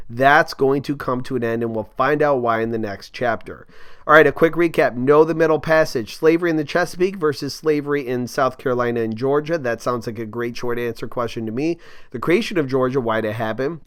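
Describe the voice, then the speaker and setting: A man's voice: mid-range voice, fairly bright tone, clear, resonant tone, no room sound. Man, history review lesson, casual and jokey, dry close sound. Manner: casual, jokey, slangy asides. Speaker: history teacher.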